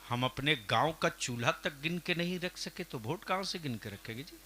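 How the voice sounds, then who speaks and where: A man preaching a fiery sermon at a public gathering, asking the crowd questions and swinging up to shouting. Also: on the high side, lively intonation, moderate pace, slight background noise. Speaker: Islamic preacher. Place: outdoor religious gathering.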